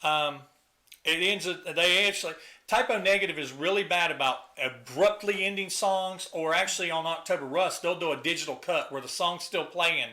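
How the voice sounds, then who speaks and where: Bright-voiced middle-aged man chatting casually. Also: fairly high pitch, normal speed. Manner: enthusiastic, hums and imitates riffs and sounds. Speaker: host, album reviewer. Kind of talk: casual music review chat.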